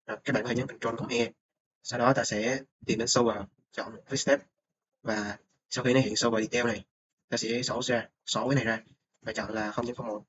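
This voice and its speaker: Young male student presenter, halting delivery full of fillers, dull low-fi mic with faint hiss. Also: flat delivery, a bit bright. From Vietnam. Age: young adult. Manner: hesitant, many filler sounds. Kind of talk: screen-recorded course report.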